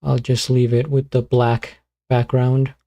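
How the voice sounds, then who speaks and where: A man streaming live, chatting casually and muttering to himself as he fiddles with his streaming software. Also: medium pitch, level tone, unhurried, dull audio. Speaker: beatbox streamer.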